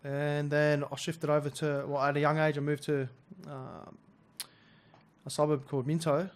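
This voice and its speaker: A young Australian man in his twenties, a rugby league player talking as a guest, soft-spoken and halting, with many fillers and restarts. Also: on the high side, flat delivery. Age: 20s. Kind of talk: casual interview chat.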